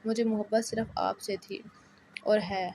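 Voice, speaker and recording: A woman reading as an earnest young wife who pleads for forgiveness. Her voice stays mid-pitched and level, with little rise or fall. A faint hiss runs under it. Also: flat delivery, gravelly, darkish tone, lightly acted. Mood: pleading.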